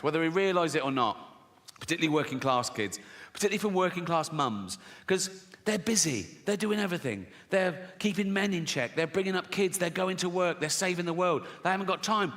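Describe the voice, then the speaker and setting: A man's voice: a little high, expressive, brisk, fairly bright tone. A man performing a stand-up comedy routine, provocative, sardonic and profane.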